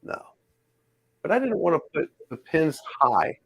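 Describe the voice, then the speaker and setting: Gravelly-voiced man chatting casually. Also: fairly high pitch, measured pace, dry recording, poor audio. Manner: relaxed, rambling, thinking aloud. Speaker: pin collector host. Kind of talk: casual chat while hanging pins.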